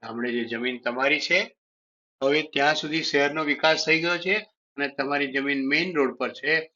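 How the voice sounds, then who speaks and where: A man's voice: a little high, normal speed, sharp tone. Man narrating a sad story. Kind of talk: first-person story narration. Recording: dull lo-fi audio.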